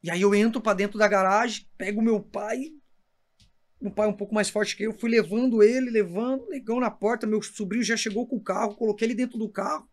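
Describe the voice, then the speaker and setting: A man's voice: high-pitched, fairly even intonation, brisk. A man with a Brazilian Portuguese accent, a missionary preacher telling his faith testimony with fervor and calling the listener brother.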